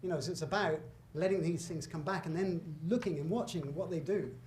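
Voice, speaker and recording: A man's voice: a little high, a little fast, a little mellow. Man lecturing in an echoey hall. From Britain. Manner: conversational and emphatic, with asides and self-corrections. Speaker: guest lecturer. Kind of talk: public lecture with slides. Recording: echoey hall, faint room noise.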